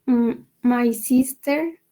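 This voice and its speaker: Female student, very slow and mellow-toned, tentative, on a video call. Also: on the high side. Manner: halting, tentative answers.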